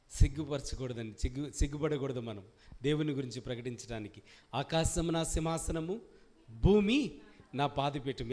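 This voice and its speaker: A male pastor preaching a Sunday sermon, telling a testimony and asking the congregation questions. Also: a little high. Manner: animated preaching, asks the congregation questions and rises to loud peaks. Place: church service.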